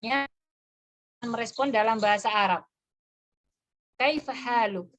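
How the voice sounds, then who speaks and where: A woman's voice: on the high side, a little slow, fairly bright tone. A woman presenting an online lesson, explaining step by step as she demonstrates an app on her phone. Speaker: webinar presenter.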